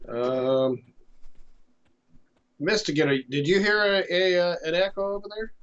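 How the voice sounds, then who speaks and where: A man's voice: high-pitched, unhurried, a bit bright, clear, resonant tone. A man co-hosting a gaming stream over voice chat, joking, teasing and laughing often. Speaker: game streamer co-host. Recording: dull lo-fi voice chat audio.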